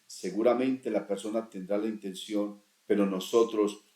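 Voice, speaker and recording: Dark-voiced man preaching a sermon. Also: on the low side, fairly even intonation, moderate pace, echoey room. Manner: emphatic preaching with repeated rhetorical questions. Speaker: pastor.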